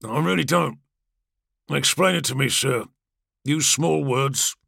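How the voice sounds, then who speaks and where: A man's voice: a little high, takes it slowly, vocal fry, slightly rough, no room sound, clean studio sound, exaggerated voice. A man voicing a brash, mocking male superhuman gladiator who taunts with sarcasm. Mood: sarcastic. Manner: taunting, sarcastic, rising to shouts.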